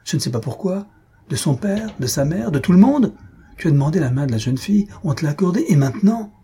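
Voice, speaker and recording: A man voicing an excitable, bossy old spinster aunt who scolds in shrill outbursts, in a storybook reading. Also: brisk, husky, exaggerated voice. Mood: indignant.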